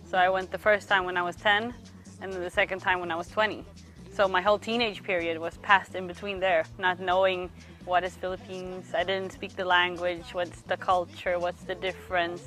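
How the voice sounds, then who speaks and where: A young woman from Sweden, a youth worker giving reflective interview answers, pausing often to find her words. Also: fairly low pitch, a bit bright. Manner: thoughtful, pauses often to search for words.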